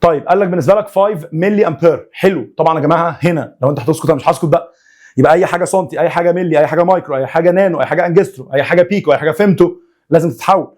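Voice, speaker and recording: Young Egyptian male physics tutor, rapid-fire and jokey, slightly high voice, urging students on. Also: a little mellow. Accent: Egyptian Arabic. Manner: fast, coaxing and jokey, prods students to work along. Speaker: physics teacher. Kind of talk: recorded online lecture, solving homework problems.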